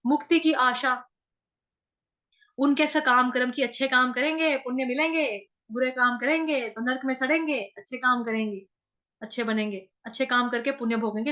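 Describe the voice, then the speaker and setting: A woman from North India teaching scripture chanting in an online class, explaining pronunciation syllable by syllable and chanting words slowly. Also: fairly high pitch, bright, forceful tone, lo-fi sound. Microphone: video call.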